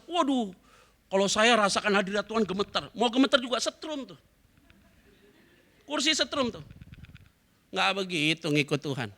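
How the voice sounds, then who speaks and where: A male pastor preaches to his congregation with a high, bright voice. He keeps it chatty and humorous, slipping into little acted exchanges. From Indonesia. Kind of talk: sermon. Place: church hall.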